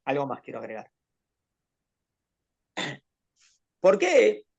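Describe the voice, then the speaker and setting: A man leads a Torah lesson, speaking in a somewhat high voice with plenty of creak and gravel. He explains patiently and keeps checking in with his student through questions. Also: huge pitch swings, slow pace, a little mellow, muffled recording. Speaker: rabbi teaching a Torah class.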